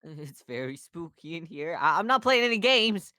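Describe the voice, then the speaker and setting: A woman's voice: fairly low pitch, expressive, moderate pace, pushed and bright, no room sound, clean studio sound. A woman voicing a jittery, talkative male donkey who stammers and rambles in an amateur fan dub. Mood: nervous.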